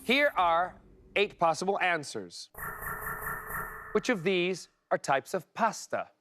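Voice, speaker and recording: A man with a high, sing-song voice speaks slowly as he hosts a lively TV quiz show, upbeat and playful with the contestants. He is in a studio with a live audience, and the broadcast recording carries music and crowd sounds.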